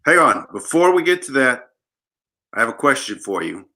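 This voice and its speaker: A man of medium pitch speaks at a normal speed in a sing-song, sharp-toned voice. He's a guest bassist from Los Angeles in a casual livestream interview, joking around playfully and drifting into long, rambling stories.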